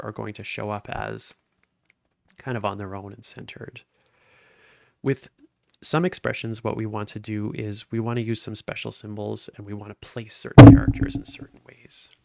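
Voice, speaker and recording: A man's voice: lowish voice, gravelly, a little mellow, no echo. A man giving a step-by-step lesson while recording his screen, explaining each step plainly. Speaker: instructor. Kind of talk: screen-recorded coding tutorial.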